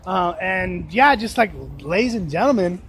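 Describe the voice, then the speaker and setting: A man with a high, light voice talks outdoors, rambling and dramatic as he overshares about his life. A faint hiss of open air sits behind him. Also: expressive, moderate pace, fairly bright tone. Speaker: podcast host. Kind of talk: casual outdoor vlog chat. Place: outdoors at a shopping plaza.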